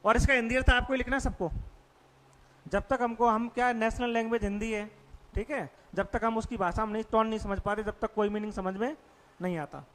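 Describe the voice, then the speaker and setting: High, bright-voiced male teacher in a hall. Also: steady tone, brisk. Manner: quizzes students with repeated questions. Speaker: English teacher. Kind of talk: classroom vocabulary lesson.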